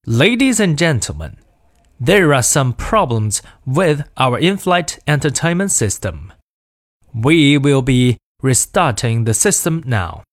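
A man reading formal in-flight cabin announcements aloud for a course, in a measured, formal manner. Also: mid-range voice, very animated, dry recording, clean studio sound. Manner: measured, formal announcement delivery in two languages. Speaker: language course reader.

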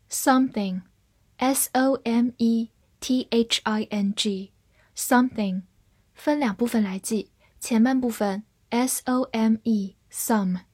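A woman with a fairly high voice leads a scripted vocabulary lesson. She speaks slowly, spelling out each word letter by letter before modeling it carefully. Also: darkish tone, husky. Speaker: English vocabulary teacher.

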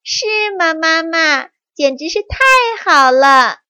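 A woman's voice: extremely high pitch, expressive, unhurried, sharp tone, no room sound, voice pushed up, exaggerated voice. A woman voicing cheerful young male mouse siblings in a chirpy, singsong way. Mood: delighted. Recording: dry, slightly muffled.

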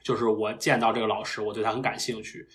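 A man's voice: on the low side, flat delivery, fast talker, fairly bright tone. A young man, a recent PhD graduate, talking as a guest in a casual podcast interview, thinking aloud in a reflective, meandering way with frequent restarts. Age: young adult.

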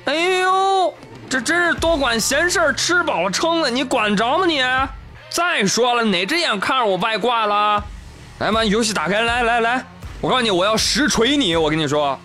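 A man's voice: very high voice, expressive, normal speed, sharp tone, voice pushed up, exaggerated voice. A man voicing a defiant young male gamer in a comic news story, scoffing and confrontational in internet slang. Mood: scornful, taunting. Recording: music playing behind the voice.

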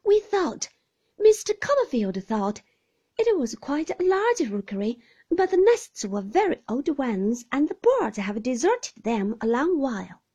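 A woman voicing a fragile, frightened young mother who talks in high, trembling bursts, with a breathy voice. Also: very animated, unhurried, warm tone, full character voice. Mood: nervous.

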